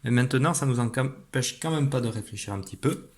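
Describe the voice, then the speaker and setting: A man teaching a young pupil a spelling rule in an online lesson, patient and clear, slowing down as he demonstrates. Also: mid-range voice, noisy background. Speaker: primary school teacher.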